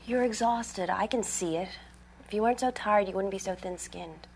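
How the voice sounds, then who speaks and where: A woman's voice: medium pitch, moderate pace, a little hiss or hum, lightly acted. An actress playing a tired young female medical resident who talks in a strained way. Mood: weary.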